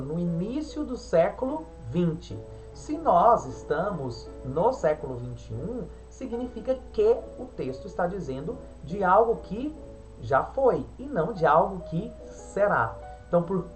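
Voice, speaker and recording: A woman teacher with a Brazilian Portuguese accent, patiently walking pupils through an exercise correction in a remote class. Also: fairly low pitch. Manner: patient, explanatory, frequent "né" tag questions.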